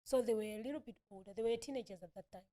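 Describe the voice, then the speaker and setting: Her voice is on the high side, mellow, and rapid-fire. Telling her personal story as an interview guest on a podcast, this woman in her thirties, who was born in South Africa and grew up in Malawi, has a Southern African accent and emphasizes points by repeating phrases.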